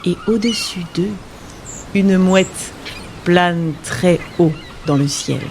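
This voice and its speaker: A woman reading a children's story aloud with expressive, dramatic storytelling. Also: lowish voice, slow, a little hiss or hum.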